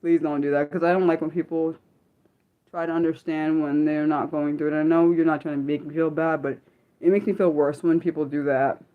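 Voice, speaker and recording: A woman in her 30s hosts an unscripted livestream, chatting casually with viewers and reading their comments. She rambles and corrects herself, her energy swinging between excited and subdued. Her voice is low and fairly quick, and the audio sounds narrow and tinny.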